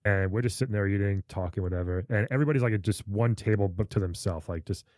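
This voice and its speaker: A middle-aged man, a comedian, telling a story in a casual chat and jumping up high for the voices he quotes. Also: fast talker, a little mellow, no echo, studio quality. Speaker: guest comedian.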